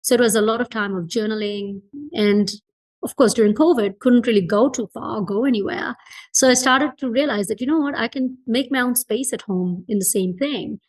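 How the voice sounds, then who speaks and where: A woman from Fiji, an entrepreneur appearing as an interview guest, speaks reflectively and conversationally, earnest and emphatic as she repeats phrases for emphasis. Her voice is on the high side and moderately paced, in a low-quality recording.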